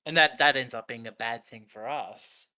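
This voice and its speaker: A man's voice: mid-range voice, normal speed, sharp tone, low-quality recording. An Australian man hosting a casual podcast chat, rambling and hesitant, swearing freely. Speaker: podcast host.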